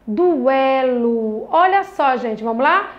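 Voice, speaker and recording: A woman's voice: sits high, expressive, a little slow, muffled recording. A young Brazilian woman teaching a recorded lesson to children, patient and encouraging, drawing out each syllable of words. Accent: Brazilian Portuguese. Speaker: primary school teacher.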